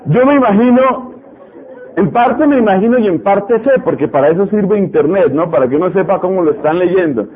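A man preaching a sermon, animated and repetitive, mimicking stubborn voices to make his point. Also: sits high, brisk. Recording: tinny phone-like radio broadcast.

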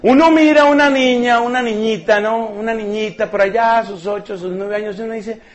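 A man's voice: sits high, fairly even intonation, fairly quick. A man preaching a sermon, emphatic and joking, repeating words for effect.

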